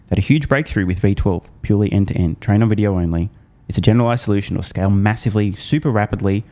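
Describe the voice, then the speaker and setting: Aussie guy ranting about stocks, sarcastic and blunt, mellow dark tone. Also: on the low side. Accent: Australian. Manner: mocking, blunt, swears. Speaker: finance commentator. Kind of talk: sarcastic commentary.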